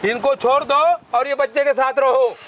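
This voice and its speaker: A man playing a bossy, teasing doctor in a comic skit, talking in quick bursts full of "arre". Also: very high voice, steady tone, slight background noise. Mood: joking. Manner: bossy, teasing, mixes Hindi and Marathi, lots of "arre".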